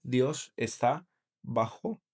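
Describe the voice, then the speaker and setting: A man's voice: mid-range voice, very slow, a little mellow, husky. A middle-aged man co-hosting a faith podcast, speaking earnestly and thinking aloud, often checking in with his listener. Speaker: podcast co-host. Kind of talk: casual faith podcast chat.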